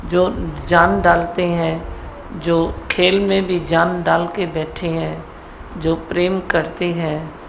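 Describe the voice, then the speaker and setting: A woman's voice: fairly low pitch, little pitch movement, rough recording. A middle-aged woman guru giving a satsang talk to devotees, teasing and scolding them. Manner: scolding, teasing, slow and gravelly. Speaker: spiritual guru leading satsang. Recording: faint background noise.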